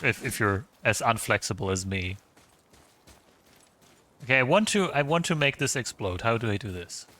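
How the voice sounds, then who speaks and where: A man's voice: mid-range voice, animated, normal speed, long pauses, pushed and bright. A man giving casual, rambling commentary while streaming a video game, swearing casually. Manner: chatty, rambling, swears casually, many restarts.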